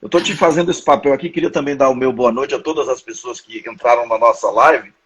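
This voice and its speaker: A man's voice: mid-range voice, fast talker, fairly bright tone, husky, rough recording. A man in his fifties with a Brazilian Portuguese accent, hosting a live online talk and telling personal anecdotes in a conversational way. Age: 50s. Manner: conversational, anecdotal, restarts often. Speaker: live-stream host. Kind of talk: live-stream discussion.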